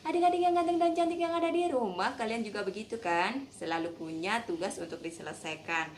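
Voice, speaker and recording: A woman hosting a children's radio program, telling stories in an animated, cheerful way and speaking straight to the children at home. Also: mid-range voice, fairly quick, a little hiss or hum. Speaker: children's radio storyteller and host.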